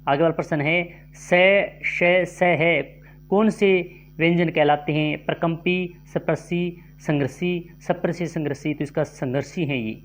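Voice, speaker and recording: A man teaching a grammar lesson for exam prep, reading out quiz questions and options, then explaining each answer slowly. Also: a little high, fairly even intonation.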